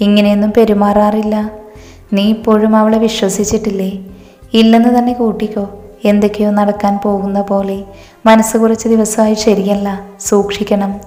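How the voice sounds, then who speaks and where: A woman's voice: mid-range voice, little pitch movement, moderate pace, warm tone, lightly acted. A woman voicing a doubtful, uneasy older woman who warns to be careful. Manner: doubtful, cautious. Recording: roomy hall reverb, faint music.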